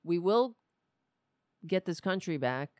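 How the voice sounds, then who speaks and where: Slow-talking woman hosting a live stream. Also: fairly low pitch, expressive, a little mellow, no room sound, clean studio sound. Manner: loose, halting, conversational. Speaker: host of a live political show. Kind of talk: casual live-stream talk to viewers.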